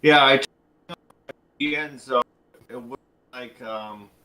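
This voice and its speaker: A man speaks over a choppy video-call line, so his volume jumps up and down and his words come through in starts and stops. He talks slowly and hesitantly, with a bright edge to his voice. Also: mid-range voice, slight background noise. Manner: halting, hesitant speech. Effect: choppy video-call audio with jumping, uneven volume. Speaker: guest calling in.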